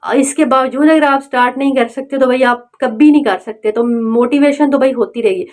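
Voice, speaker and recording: A woman's voice: high voice, a little mellow. A woman giving a motivational tutorial on online selling, urging viewers directly and often checking in with "okay". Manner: urging, repeats "okay" fillers, direct address.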